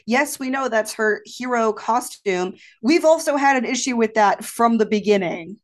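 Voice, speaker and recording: A woman's voice: a little high, animated, moderate pace. A woman co-hosting a podcast in casual chat, blunt and emphatic with free swearing, with a slightly echoey sound from recording in an office. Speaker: podcast co-host. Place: home office standing in for a recording studio. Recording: slightly echoey untreated room.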